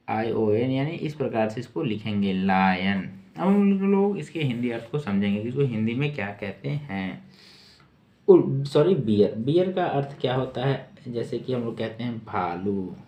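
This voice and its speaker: A man teaching English vocabulary in Hindi, spelling each word letter by letter and repeating words slowly. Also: mid-range voice, lively intonation, lo-fi sound. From India. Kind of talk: slow spelled-out vocabulary lesson.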